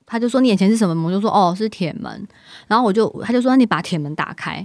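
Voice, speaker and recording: A woman's voice: mid-range voice, rapid-fire, no room sound, clean studio sound. A woman, co-hosting a podcast and telling a personal story, acting out the dialogue as she goes. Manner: animated storytelling, acts out dialogue, laughs. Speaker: podcast co-host. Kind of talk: casual chat.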